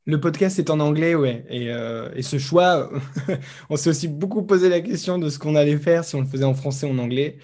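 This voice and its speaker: A young man speaks spontaneously as an interviewed researcher, thinking aloud with frequent pauses and hesitations. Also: fairly high pitch, darkish tone. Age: young adult. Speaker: young researcher and podcast co-host, interview guest.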